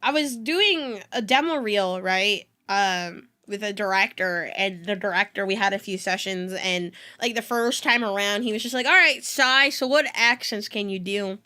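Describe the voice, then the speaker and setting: Woman streamer, trained voice actor, bright voice, rambling chat. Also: medium pitch, moderate pace, hardly any pauses. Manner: rambling with many fillers; trained in voice acting. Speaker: streamer reacting to videos.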